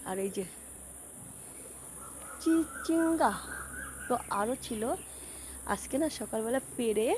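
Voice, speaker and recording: A woman giving a casual tour of her home garden, talking softly and often whispering, hot and sweaty from the heat. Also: on the high side, expressive, slow, background noise. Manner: speaks softly on purpose, often drops to a whisper. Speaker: lifestyle vlogger.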